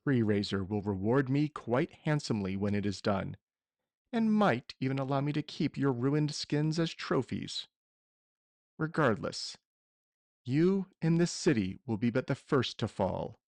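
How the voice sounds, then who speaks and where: Tabletop game villain, acted by a man: gloating servant of a dark master, formal and menacing, mid-pitched, dry close sound. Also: very animated, a little slow, no echo. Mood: gloating menace. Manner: formal, grandiose monologue.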